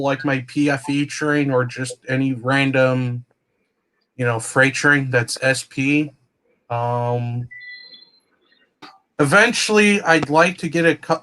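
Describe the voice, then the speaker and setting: A man chatting casually as a guest on a livestream, explaining things slowly with lots of fillers and restarts, heard over a video call. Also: medium pitch, pushed and bright. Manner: slow, meandering explanations with many fillers. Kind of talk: casual chat.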